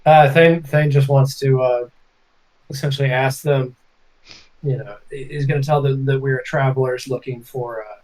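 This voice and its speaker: Halting, mid-pitched male tabletop player. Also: steady tone, darkish tone, poor audio. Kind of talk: casual, speaking for his character.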